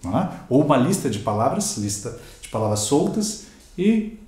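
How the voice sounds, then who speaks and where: A man's voice: mid-range voice, big pitch swings, normal speed, mellow, reverberant. A Brazilian man teaching Portuguese grammar in a recorded exam-prep lecture, stressing his example words and checking in with "ok?" and "certo?".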